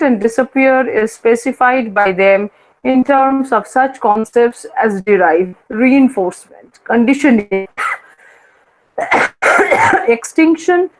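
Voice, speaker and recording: A woman's voice: high-pitched, low-quality recording. A woman lecturer with an Indian English accent teaching a class, repeating her points and often asking students whether they follow.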